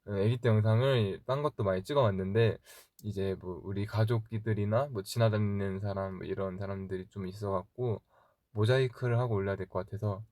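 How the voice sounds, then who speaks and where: A man's voice: fairly low pitch, dry recording, studio quality. A young man in his twenties chatting casually on a livestream, answering fan comments with easy laughs and rambling stories. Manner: chatty, rambling, quick laughs, talks softly to himself. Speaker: idol livestream host.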